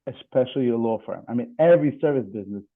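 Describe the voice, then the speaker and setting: A man, a real estate attorney, explaining things in a steady, measured way during a seminar. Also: mid-range voice. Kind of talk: seminar presentation on video call. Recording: tinny phone-like call audio.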